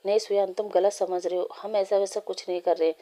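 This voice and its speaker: A woman's voice: medium pitch, steady tone, brisk, mellow, lightly acted. A woman voicing a young man, a firm boss in love, in a fan story read aloud.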